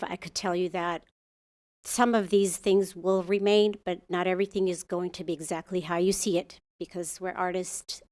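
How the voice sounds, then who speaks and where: Ethiopian-accented woman artist, earnest. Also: medium pitch. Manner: earnest, searching for words, many restarts. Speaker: muralist at a public commission meeting. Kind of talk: public comment at a meeting. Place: city council chamber.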